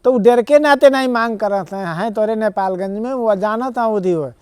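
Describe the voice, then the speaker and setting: Earnest high-voiced man with Awadhi accent. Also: moderate pace, darkish tone, clean tone. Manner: earnest, argumentative, rambling explanations. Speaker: interview guest, Awadhi language activist. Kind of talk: conversational interview.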